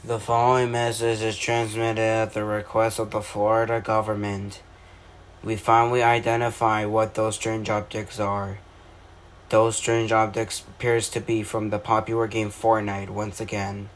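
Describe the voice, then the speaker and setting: Speaking at a moderate pace in a lowish, completely flat voice, a man narrates a fictional alert scenario he created for his video. It's amateur scripted narration of a mock emergency broadcast, announcer-like, with occasional stumbles over words. There's noticeable background noise.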